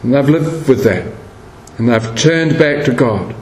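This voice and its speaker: A man's voice: medium pitch, expressive, unhurried. Preaching man in an echoey church. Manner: storytelling, acts out quoted voices. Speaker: pastor. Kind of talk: sermon. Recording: echoey room with faint background noise.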